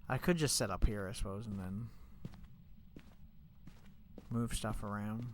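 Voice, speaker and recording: A man's voice: on the low side, measured pace, slight background noise. A young man with a stuffy, congested voice chats casually and rambles with lots of fillers while live-streaming a game. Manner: chatty, rambling, many fillers like "like" and "you know".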